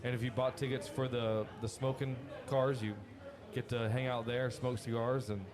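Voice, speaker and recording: A man chatting as a podcast guest, telling stories in an animated way and laughing often. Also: medium pitch, moderate pace. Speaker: guest from a cigar company. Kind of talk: casual podcast chat. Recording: crowd chatter in background.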